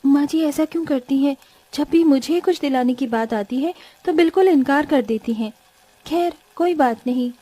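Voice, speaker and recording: A woman voicing a kind, patient young daughter-in-law in a cartoon story, talking softly and respectfully. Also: sits high, normal speed, no room sound, close to an everyday voice. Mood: hurt. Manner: soft, respectful.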